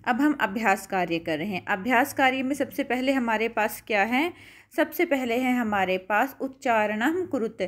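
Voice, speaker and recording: A woman's voice: on the high side, expressive, moderate pace. A woman teaching a school language lesson, patiently repeating words and asking her pupils questions she then answers herself, calling them her children. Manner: addresses pupils affectionately as children. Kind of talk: slow classroom lesson explanation.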